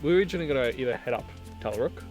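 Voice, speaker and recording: A young Australian man speaks at a middling pitch in a casual chat to camera. He is outdoors, with faint music behind him. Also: lively intonation, racing, a little mellow. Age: young adult. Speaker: novice off-road driver being interviewed. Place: outdoors on a forest track.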